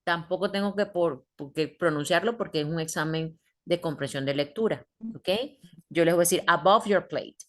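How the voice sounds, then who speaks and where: An English teacher with a low, steady voice and moderate pace teaches an online class. She patiently walks through each step and checks in with questions for her students.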